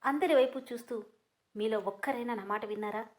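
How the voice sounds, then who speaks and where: A woman's voice: fairly high pitch, fairly quick, close to an everyday voice. An anguished young husband begs his wife to hear him out in a storybook, read by a woman in her own voice. He speaks earnestly and urgently, his pleading rising in frustration. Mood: frustrated.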